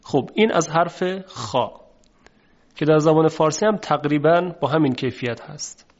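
A man with a Persian accent teaching Quranic pronunciation, explaining patiently and slowly drawing out the example words. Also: fairly high pitch. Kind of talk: phonetics lesson with drawn-out example words. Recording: dull lo-fi recording.

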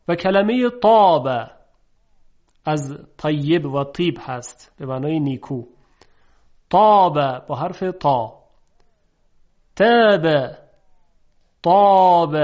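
A man teaching Quranic letter pronunciation. He explains quickly, then says each example word slowly and clearly twice. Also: on the high side, a little mellow, muffled recording. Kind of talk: pronunciation lesson with slow drawn-out examples.

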